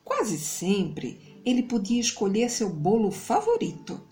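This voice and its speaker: A Brazilian woman speaking as a kids show host, telling stories to small children in an animated, sing-song way. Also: mid-range voice, takes it slowly, soft background music.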